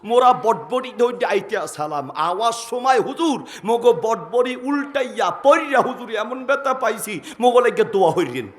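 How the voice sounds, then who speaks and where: A man's voice: very high-pitched, animated, normal speed, few pauses, voice pushed up. A man doing pleading old men with a Barishal dialect.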